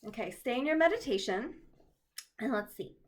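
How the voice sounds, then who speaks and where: A woman reading a story aloud while guiding listeners through a meditation. Her voice sits a little high and moves up and down a lot. She keeps stepping away from the text to make playful jokes. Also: big pitch swings, normal speed. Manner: playful, laughs at her own asides. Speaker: oracle card reader and storyteller. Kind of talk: casual reading and meditation guidance.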